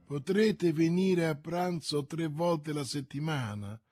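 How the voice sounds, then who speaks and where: A man's voice: a little high, takes it slowly, darkish tone, breathy edge, soft background music. A man voicing an anxious, thrifty middle-aged wife in an audiobook reading, hesitant and speaking with a faint voice.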